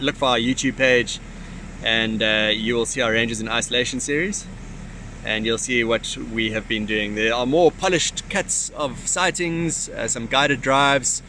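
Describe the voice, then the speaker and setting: A man's voice: mid-range voice, moderate pace, sharp tone. A man chats casually and appreciatively to livestream viewers, with hesitant phrasing. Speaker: livestream co-host behind the camera. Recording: faint vehicle and outdoor noise, phone.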